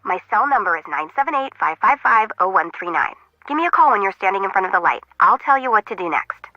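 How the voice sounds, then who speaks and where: A fast-talking woman with an expressive, natural medium-pitched voice and no room sound plays a quirky young harbor intern in a game. Chatty and rambling, the young adult character keeps joking at her own expense, with a muffled, lo-fi sound.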